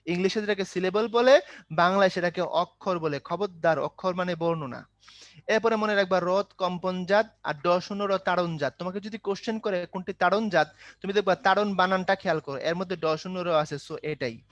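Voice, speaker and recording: A man teaching Bengali grammar in an online demo class, lively and rhythmic as he drills terms and speaks directly to his students. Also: high voice, moderate pace, no echo, lo-fi sound.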